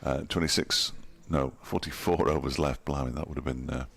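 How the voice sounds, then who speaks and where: Man, cricket commentary, extremely low voice, dry and wry. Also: fairly even intonation, moderate pace, vocal fry, a bit bright, husky. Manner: dry, wry and chatty, chuckles at his own jokes. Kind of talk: ball-by-ball radio-style commentary.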